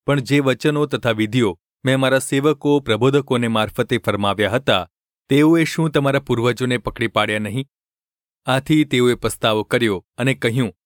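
A man giving a measured, even scripted reading of scripture. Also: medium pitch, no room sound, studio quality. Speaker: Bible reader.

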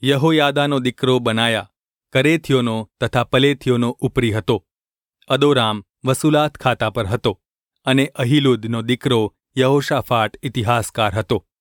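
A man's voice: medium pitch, no echo, clean studio sound. Man steadily reading scripture aloud. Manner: steady, measured narration. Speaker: scripture reader.

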